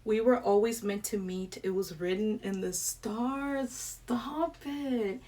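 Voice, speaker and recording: A woman's voice: medium pitch, unhurried, mellow, recorded from a distance. A young woman giving a casual tarot reading to camera, chatty, swearing lightly and laughing often. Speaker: tarot reader. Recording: air conditioner noise behind.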